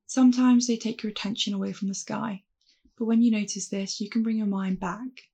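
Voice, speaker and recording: A woman guides listeners through a calm grounding exercise in mindfulness. Her voice is husky, with plenty of creak at a medium pitch. She instructs gently and reassuringly, as a meditation guide. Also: fairly quick.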